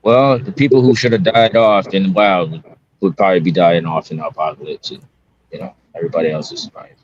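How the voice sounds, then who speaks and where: A man's voice: low voice, steady tone, fast talker, dull audio, a little hiss or hum. A man chatting casually as a guest on a streamer's show, rambling and often breaking off mid-thought. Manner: rambling, self-interrupting. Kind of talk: casual online debate chat.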